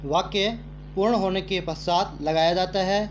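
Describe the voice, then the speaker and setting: A man teaching a grammar lesson to children, speaking slowly and repeating phrases for emphasis. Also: high-pitched, steady tone, a little hiss or hum. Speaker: Hindi teacher.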